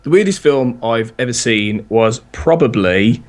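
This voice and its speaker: A man's voice: mid-range voice, animated, a little slow. A man, a podcast guest, rambling in casual chat and laughing often.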